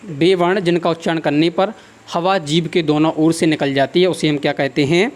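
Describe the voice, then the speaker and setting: High pitched guy teaching class, asks a question then answers it himself, repeats the key terms over and over. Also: fairly even intonation. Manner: dictates notes slowly. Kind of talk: classroom lecture.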